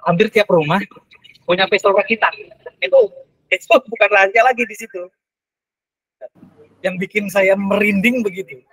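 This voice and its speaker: A man who is a teacher and podcast guest, telling stories in an animated, emphatic way. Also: normal speed, pauses often, breathy edge, no echo, low-quality recording. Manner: lively, emphatic, with big swings in pitch. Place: studio.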